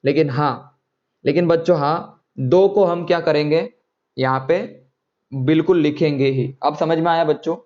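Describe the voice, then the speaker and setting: A man's voice: fairly high pitch, normal speed, highs cut off. A man teaching chemistry in an online class, coaxing students and checking often whether they follow.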